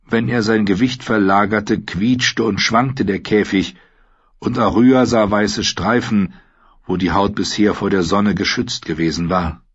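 A man narrating an audiobook in a steady, measured reading. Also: lowish voice, breathy edge, dry recording. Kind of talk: scripted narration. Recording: dull lo-fi sound.

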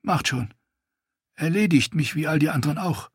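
A man's voice: fairly high pitch, expressive, normal speed, husky, no room sound, studio quality, voice pushed up. A man voicing a broken, desperate young male captive who stammers and pleads.

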